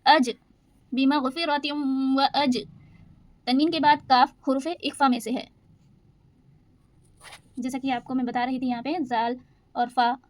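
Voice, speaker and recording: A woman teaching Quran recitation rules, patiently explaining each rule and reciting verses slowly. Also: sits high. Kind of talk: step-by-step recitation lesson.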